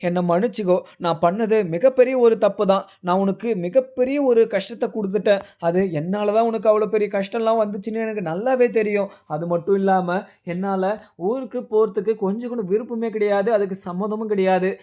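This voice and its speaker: A man's voice: high voice, a little fast, mellow, close to an everyday voice. A man reading as a remorseful young wife. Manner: apologetic, repeating herself.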